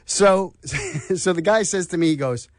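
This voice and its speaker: An older man with a New York accent, hosting a radio health talk show and telling stories in a casual, animated way. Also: high-pitched, normal speed, dry recording, studio quality. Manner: animated storyteller, acts out voices.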